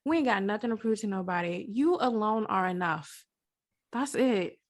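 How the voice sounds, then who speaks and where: A woman hosting a casual podcast, talking in an animated, slangy way and laughing often. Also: medium pitch, normal speed. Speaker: podcast host.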